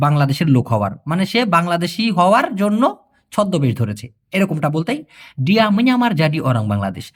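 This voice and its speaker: Man, from Bangladesh, language tutor, high voice, very animated pitch, patient explanations, repeats phrases slowly. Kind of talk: casual spoken language lesson.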